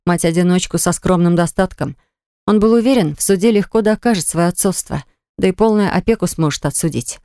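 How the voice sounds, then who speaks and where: An audiobook narrator reading a romance novel chapter in an even, measured way. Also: mid-range voice, clear, resonant tone, no room sound, studio quality.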